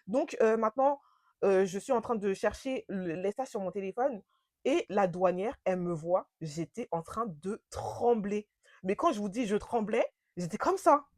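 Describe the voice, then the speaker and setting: A young woman telling a personal story in a casual, animated way, with slangy and emphatic speech. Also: medium pitch, moderate pace, no echo, studio quality.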